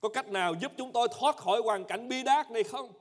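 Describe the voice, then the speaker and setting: A man's voice: very high-pitched, fairly quick, big-room sound. A man voicing a desperate male leper who cries out in anguish for mercy. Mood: lamenting.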